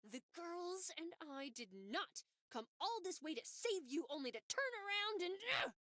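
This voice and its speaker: Bright high-pitched young cat, feisty, earnest, dramatic, cartoon noir game sidekick. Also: female voice, sing-song, normal speed, dry recording, studio quality, heavily acted. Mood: indignant.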